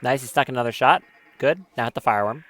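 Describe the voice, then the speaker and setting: A man's voice: mid-range voice, quick pace, fairly bright tone. A man giving casual live commentary on his gameplay stream, swearing often and talking nervously as he goes.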